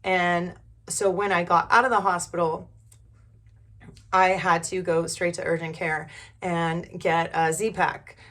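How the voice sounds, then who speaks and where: Slowly and in a level, fairly bright tone, a middle-aged vlogger recounts her own experiences in a relaxed, conversational way. Her voice sits somewhat low and sounds hoarse from recent illness, and her frank, informal talk includes light cursing.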